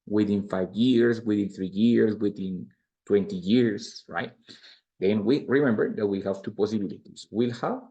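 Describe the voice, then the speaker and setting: Gravelly Spanish-accented male English teacher. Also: fairly low pitch, moderate pace, warm tone, lo-fi sound. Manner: patient, explains step by step, repeats examples. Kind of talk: bilingual grammar lecture.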